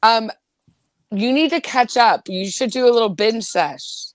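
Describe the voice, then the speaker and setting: A woman's voice: fairly high pitch, a little slow, no room sound. A woman chatting casually on a panel, informal and emphatic with her opinions. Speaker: podcast panelist. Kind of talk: casual, chatty group discussion.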